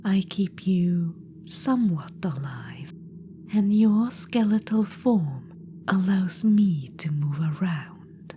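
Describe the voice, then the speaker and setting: Her voice fairly low and warm, a woman whispers slowly with lively intonation as an imperious undead witch-queen spirit in ASMR audio roleplay. The coaxing whisper is teasing, condescending and commanding, and background noise comes through clearly.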